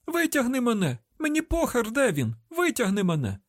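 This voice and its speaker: A man's voice: very high voice, wildly swooping pitch, moderate pace, dry recording, studio quality, pitched above the performer's own voice, full character voice. A man voicing a panicked, foul-mouthed young woman trapped in a pit, with a Ukrainian accent, screaming and cursing. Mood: hysterical.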